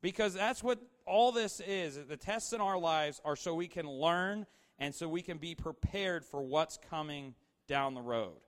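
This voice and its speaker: Preaching in an unhurried, conversational way, this man has a fairly high-pitched voice and leans heavily on "you know" and other fillers. His sermon is storytelling in style, with questions put to the audience. The setting is a big hall with slides, and a long reverb trails through the audio.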